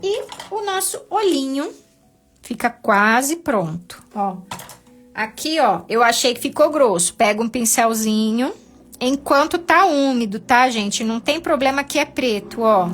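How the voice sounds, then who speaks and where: A woman's voice: a little high, expressive, measured pace, a bit bright, faint music behind. A woman teaching a live painting class, patient and encouraging, walking her students through each step.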